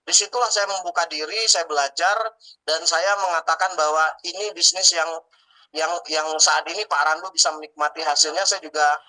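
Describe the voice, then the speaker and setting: A man's voice: a little high, steady tone, brisk, sharp tone, poor audio. A man in his late thirties telling his business story in an interview, earnest and full of fillers and tag words. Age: late 30s. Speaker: guest businessman. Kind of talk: testimonial interview talk.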